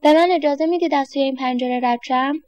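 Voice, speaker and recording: A determined little boy from a storybook, as a woman puts him on, polite and earnest but never giving up. His voice sits up high and bright. The recording is close and dry. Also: dry recording, lightly acted. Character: determined stubborn young boy.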